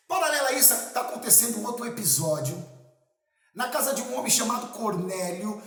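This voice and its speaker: A man preaching a sermon, telling a story emphatically with dramatic slowdowns. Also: high voice. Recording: echoey room, voice from a distance.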